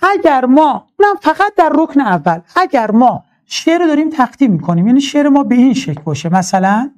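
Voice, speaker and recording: A man teaching an online class, explaining step by step, repeating key terms and slowly chanting lines of verse as examples. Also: very high-pitched, big pitch swings. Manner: addresses students warmly as dear ones.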